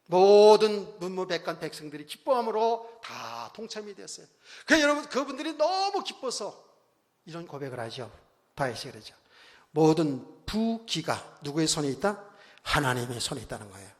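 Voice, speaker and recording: A male pastor preaching a sermon, exhorting the congregation with rhetorical questions and calls for amen, swinging between loud bursts and quiet low phrases. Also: lively intonation, moderate pace. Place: church sanctuary. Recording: long hall reverb.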